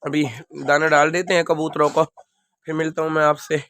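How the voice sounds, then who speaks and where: A man's voice: on the high side, flat delivery, normal speed, a bit bright, no room sound, studio quality. A young man with a Pakistani Urdu accent, feeling feverish and unwell, rambling casually to viewers while feeding his birds in a vlog. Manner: plain, rambling talk to viewers. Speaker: vlogger keeping birds. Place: outdoor rooftop bird enclosure. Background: chickens and birds clucking.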